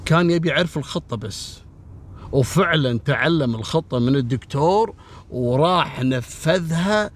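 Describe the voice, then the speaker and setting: A man telling a crime story in a casual, animated, dramatic way and speaking directly to the listener. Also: on the high side, normal speed.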